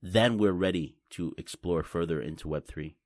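A man from Taiwan appears as a guest in a casual interview, representing a blockchain company. His voice is very low, and he explains things simply but haltingly, repeating words. The recording is dry and close.

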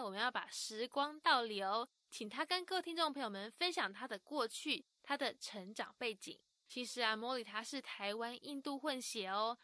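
A woman co-hosts a podcast and narrates chatty, lively recaps between the clips. Her voice sits a bit high and sounds bright. The sound is dry and close. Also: no room sound. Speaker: podcast co-host.

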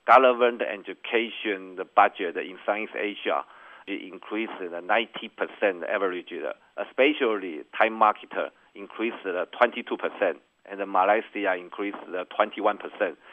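A company executive from Taiwan, a man with a fairly low voice, answers business interview questions as a guest. His non-native English is careful, measured, and earnest. The audio is narrow-band and phone-like.

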